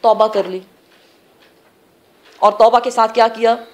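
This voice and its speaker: A woman's voice: fairly high pitch, fairly even intonation, a little mellow. A woman teaching a religious class, explaining scripture phrase by phrase and asking the class questions that she then answers herself. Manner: explains terms word by word, pausing between phrases. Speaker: Quran teacher.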